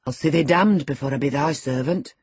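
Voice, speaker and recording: A rough young farm lad from a storybook, acted by a woman. He is surly and curt, growling out his words in a husky, proud voice. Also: deep voice, fairly quick, darkish tone, dry recording. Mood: growling contempt. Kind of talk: dramatised audiobook character.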